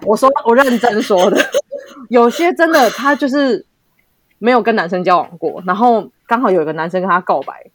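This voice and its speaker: A young adult woman chatting casually about her cram school days, quick to react and laugh. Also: a little high, expressive, no room sound. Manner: reactive, frequent laughs and gasped interjections. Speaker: podcast host, former cram school staff. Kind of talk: casual chat.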